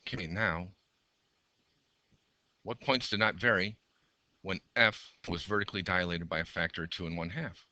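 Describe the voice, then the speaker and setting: A man teaches a math lesson as he sketches graphs, counting out steps aloud, his voice a little worn from losing it. His pitch sits very low, yet the tone is bright and forceful. The sound is dry and close. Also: steady tone, moderate pace, pauses often, dry recording. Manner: talks through each step while drawing, counts aloud.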